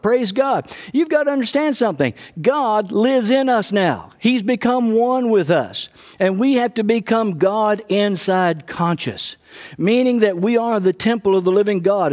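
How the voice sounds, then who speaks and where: A man's voice: sits high, a little mellow. A middle-aged male pastor preaching a sermon with fervor, often breaking in with "praise God" between his points. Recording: long hall reverb.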